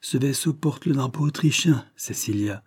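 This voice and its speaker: A man voicing a reserved young lord who answers in short, quiet replies. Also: medium pitch, normal speed, breathy edge, dry recording, clean studio sound, voice pushed up, close to an everyday voice.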